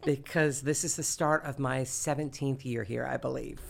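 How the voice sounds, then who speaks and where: A woman in her forties who runs a school theater program, telling her story in an animated, quick way. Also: rumbling low, vocal fry. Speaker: theater teacher. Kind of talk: interview conversation.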